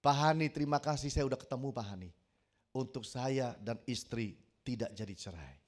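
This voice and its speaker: A middle-aged pastor from Indonesia preaching a sermon, telling a counseling story and acting out the quoted voices, building to loud emphatic peaks. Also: male voice, medium pitch, moderate pace.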